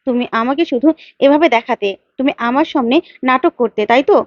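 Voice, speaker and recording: A woman's voice: sits high, brisk, no room sound. A woman voicing a quarrelsome young wife who answers back indignantly and repeats herself. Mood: defiant. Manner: indignant, repeats herself, pleading to her mother. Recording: dull lo-fi, dry.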